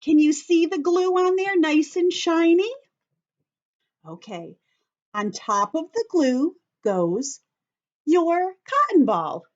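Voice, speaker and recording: A woman teacher at children's story time demonstrates a craft step by step, speaking simply and directly to young children. Her very high voice is sing-song and slow with frequent pauses, and the sound is lo-fi.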